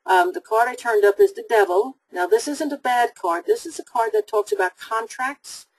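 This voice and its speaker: A woman's voice: a little high, lively intonation, moderate pace, breathy edge, rough recording. A woman hosting a live call-in psychic webinar, giving readings to callers in an upbeat, reassuring way.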